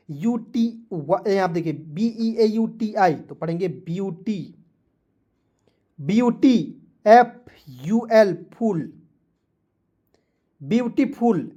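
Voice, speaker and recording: A man's voice: high-pitched, warm tone. A male teacher giving an online English spelling and pronunciation lesson, spelling words letter by letter and often checking that his viewers follow. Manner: spells words out letter by letter, repeats them slowly; constantly addresses viewers as friends, checking "clear?".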